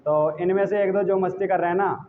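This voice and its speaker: A male coaching teacher with a high, light voice lectures a class, addressing and teasing his students directly. The sound is thin and phone-like, with faint hiss in the room behind him. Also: steady tone, a little fast. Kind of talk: classroom English grammar lesson. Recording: tinny phone-like classroom recording with faint noise.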